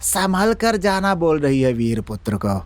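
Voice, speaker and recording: A man dubbing a hot-tempered middle-aged village headman who shouts in exasperation. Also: on the high side, normal speed, no room sound, close to an everyday voice. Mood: grumbling. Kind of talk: Hindi film dub.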